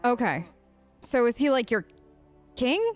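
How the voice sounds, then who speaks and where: A woman with a slightly high voice and lively intonation speaks a little slowly, soft music in the background. She's hosting a role-play let's play and keeps up casual, playful, earnest commentary in character.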